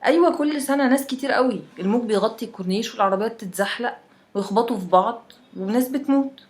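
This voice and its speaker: A woman's voice: on the high side, racing, lightly acted. A woman voicing a wry, chatty young Egyptian woman from Alexandria who tells a friend about winter.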